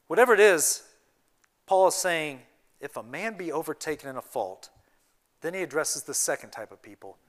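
A man giving a sermon as a youth pastor in a church, earnest and preaching, moving between hushed and emphatic delivery. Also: on the high side, expressive, moderate pace. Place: church sanctuary.

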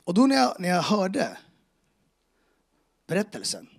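A man's voice: sits high, wildly swooping pitch, gravelly. A man telling his faith testimony to a church audience, casual and earnest, with street slang and acted-out dialogue. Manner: emotional, earnest. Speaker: speaker giving a personal faith testimony.

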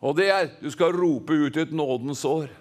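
Fervent high-voiced preacher. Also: male voice, darkish tone. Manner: fervent, rhythmic, calls for congregation responses. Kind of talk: Pentecostal sermon.

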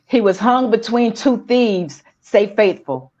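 A woman preaching a sermon in slow declarative lines, calling the congregation to respond. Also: on the high side, lively intonation, darkish tone, lo-fi sound.

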